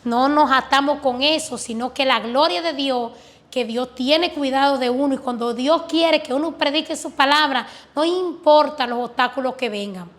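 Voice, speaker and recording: A woman's voice: sits high, normal speed, a bit bright. A woman earnestly telling her religious testimony as a guest, recounting prayers and answers with fervent conviction. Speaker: guest giving a faith testimony.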